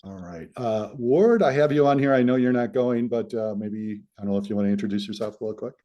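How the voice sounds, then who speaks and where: A man's voice: fairly low pitch, brisk, mellow, dull audio. A man hosting a video call, introducing people in a hesitant way with many fillers. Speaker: host.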